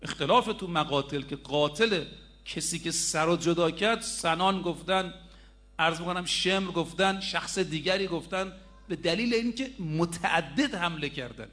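High-voiced man preaching a sermon. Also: a bit bright. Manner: storytelling, addresses listeners directly.

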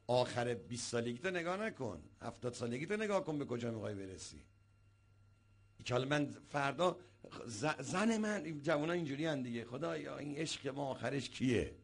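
A man, a cleric, preaching a sermon as an animated storyteller who acts out the people he quotes. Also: mid-range voice.

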